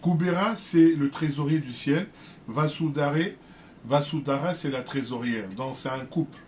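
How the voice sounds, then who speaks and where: A man teaching viewers in a casual, unhurried way, often repeating words and restarting his sentences. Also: a little high, darkish tone, slight background noise. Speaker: spiritual teacher.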